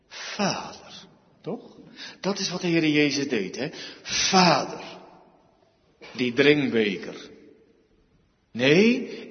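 Slow, animated male preacher in a reverberant church. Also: medium pitch, dull audio. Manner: emphatic, repeats key words and asks rhetorical questions with a tag "hè". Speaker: pastor. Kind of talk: sermon.

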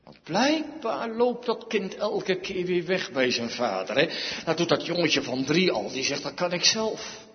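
A male preacher giving an emphatic sermon, with dramatic pauses and repeated phrases. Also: a little high, expressive. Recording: dull sound, echoey hall.

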